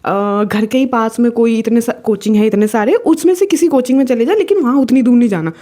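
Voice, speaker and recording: A woman's voice: on the high side, fairly quick, warm tone, voice pushed up, lightly acted. A young woman voicing her worried, strict mother, insisting and scolding in her own voice.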